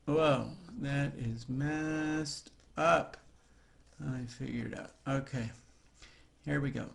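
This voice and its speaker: A man's voice: medium pitch, steady tone, takes it slowly, creaky. A man teaching a recorded math lesson, talking students through the steps in a chatty way with jokey asides.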